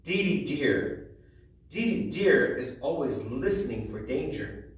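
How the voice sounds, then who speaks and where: A man's voice: mid-range voice, very animated, slow, distant mic. A man teaching young children a phonics lesson in a sing-song voice, drawing out each letter sound. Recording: echoey room, voice from the mic.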